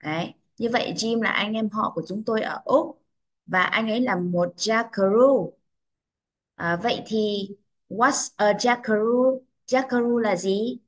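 A woman English teacher with a Vietnamese accent, drilling pronunciation for children by reading words slowly and repeating them. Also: fairly high pitch.

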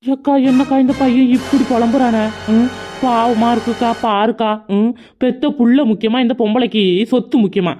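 A woman voicing a sharp-tongued neighbor woman in a cartoon who mocks and scolds. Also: a little high, fairly even intonation, moderate pace, soft background music, lightly acted. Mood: indignant. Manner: mocking, gossipy.

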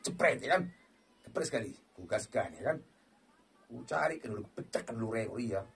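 A man calls his slot game play as he goes, hot-tempered and loud, cursing at the reels between low mutters. His voice is very husky and rough, and his pitch leaps up and down all over the place. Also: animated, moderate pace. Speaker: online slot game streamer. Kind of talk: excited live gameplay commentary.

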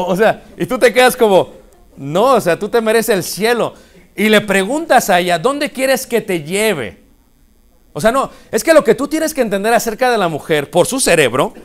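Male preacher, high voice, playful storytelling sermon. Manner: animated, acts out couples' dialogue with humor.

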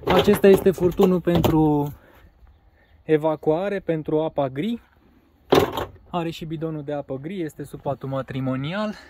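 Outdoors on a grassy lot, a Romanian man selling a caravan gives a casual walkaround presentation beside it, filming with a phone camera he holds himself. His voice is fairly high, and he speaks in a plain, matter-of-fact way, pausing with fillers. The recording is very noisy.

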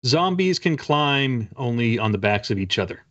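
The dull, lo-fi sound of a video call carries a man in his forties, appearing as a guest author from a home room with bookshelves. He talks at a normal speed in a mid-range, fairly bright voice, very animated as he rambles and jokes at his own expense in a casual interview.

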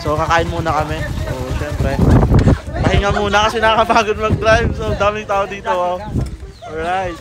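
A man's voice: high voice, normal speed. A young man chatting casually to his viewers on a road-trip travel vlog, laughing often, filmed on a phone held at arm's length. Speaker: vlogger. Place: outdoors on a motorbike ride, then an open-air eatery. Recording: loud wind noise on a phone mic. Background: loud wind and traffic noise.

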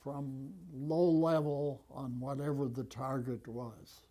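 An American man in his nineties with an aged voice, recounting memories conversationally and haltingly, with long pauses. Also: medium pitch, flat delivery, warm tone. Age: 90s. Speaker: war veteran being interviewed. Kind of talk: conversational reminiscence. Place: small office, indoors. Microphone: lapel mic.

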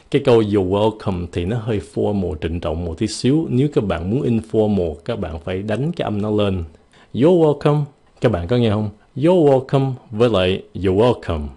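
A man's voice: on the low side, warm tone. A man from Vietnam teaching English phrases in a casual video lesson, playful and showing how each phrase should sound. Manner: playful, demonstrates phrases with shifting intonation.

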